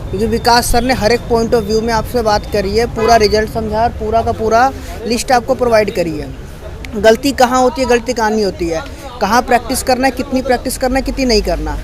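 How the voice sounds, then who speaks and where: A civil services aspirant from Delhi, India, speaks emphatically and talkatively in a street interview, mixing English phrases into his Hindi. His voice is very high-pitched and fairly quick, set against busy crowd noise on a city street outdoors.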